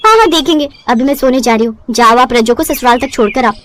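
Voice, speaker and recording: A woman voicing a cheeky, sarcastic young bride in a cartoon story, full of quick quips. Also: sits high, background noise, lightly acted.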